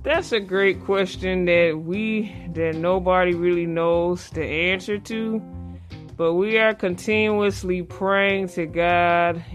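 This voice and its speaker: A woman's voice: lowish voice, fairly bright tone. Woman host speaking through a face mask. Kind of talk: casual conversational interview. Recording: music playing behind the voice. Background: guitar music.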